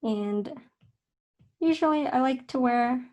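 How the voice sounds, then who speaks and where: A young woman teaching a casual drawing lesson, talking in a relaxed, chatty way with fillers and self-corrections. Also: sits high, slow pace, dull audio. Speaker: art instructor.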